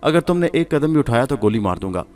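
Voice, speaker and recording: A man's voice: mid-range voice, sing-song, a little mellow, lightly acted. A man voicing a threatening armed male guard in a spoken story.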